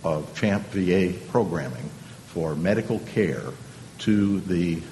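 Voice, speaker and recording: A deep-voiced man delivers a formal legal argument. He is deliberate and halting, often hesitating, in a reverberant hall with a faint background rumble. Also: lively intonation, dark tone. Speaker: appellant's lawyer. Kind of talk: formal oral argument to a court. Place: large conference hall.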